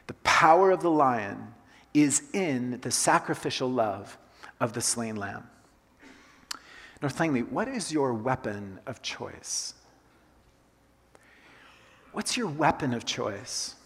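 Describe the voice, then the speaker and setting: A man's voice: medium pitch, big pitch swings, takes it slowly, creaky, long pauses, fairly bright tone, breathy edge. A pastor who grew up in Colombia gives a conversational sermon, repeating his key phrases for emphasis. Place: church sanctuary. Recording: long hall reverb.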